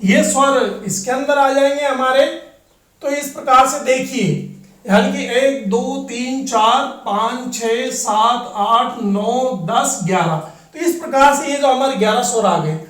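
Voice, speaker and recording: A man teaching a classroom grammar lesson, dictating slowly with long drawn-out pauses as he writes on a board. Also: very high-pitched, fairly bright tone, far from the mic. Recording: echoey room, voice off-mic.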